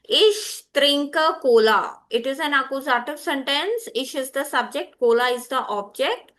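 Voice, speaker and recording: Slow, careful woman teaching. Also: sits high, fairly bright tone. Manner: repeats each word slowly and clearly for learners. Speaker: language teacher. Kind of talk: slow, deliberate vocabulary lesson.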